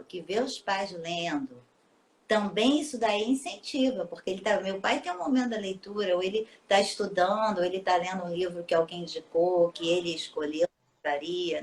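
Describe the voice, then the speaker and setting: A woman's voice: mid-range voice, fairly bright tone. A woman teacher, patiently explaining in a casual live interview and often ending with tag questions. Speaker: teacher and children's book author.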